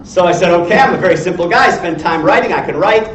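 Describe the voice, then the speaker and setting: This sixty-something entrepreneur talks fast in a high, animated, fairly bright voice while giving a blunt, informal lecture, ribbing and quizzing his listeners with salty wording. He's in an indoor classroom with an audience, and the distant mic captures an echoey, dull room with faint background noise.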